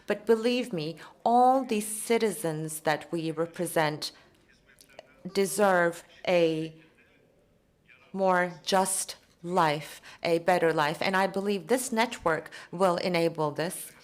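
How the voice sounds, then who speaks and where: A woman giving a simultaneous interpretation of conference speeches into English, measured and halting as she keeps up with the speaker. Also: fairly low pitch.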